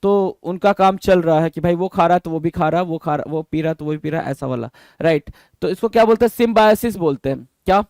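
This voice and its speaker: This man's fairly high, darkish voice comes through clean, studio-quality audio without room sound. Leading a vocabulary session for exam preparation, he slowly reads English definitions, tests his students, and spells each word letter by letter.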